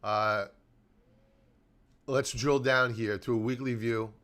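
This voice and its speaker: On his stock trading show, a host and technical analyst walks through live charts slowly, in a medium-pitched, slightly bright voice with fairly even intonation. His commentary is informal and emphatic, full of repeated key points and self-answered questions.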